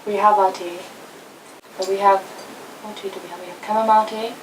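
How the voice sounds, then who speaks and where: A young woman co-hosting a casual video chat, telling a story with quick asides. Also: mid-range voice, steady tone. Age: young adult. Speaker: YouTube co-host. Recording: distant mic with faint noise.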